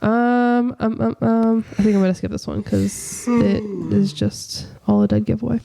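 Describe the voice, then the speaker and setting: A woman's voice: a little high, flat delivery, moderate pace, creaky, mellow. Giggly woman reading song lyrics aloud. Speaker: podcast co-host. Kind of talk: casual chat, reading song lyrics in a guessing game.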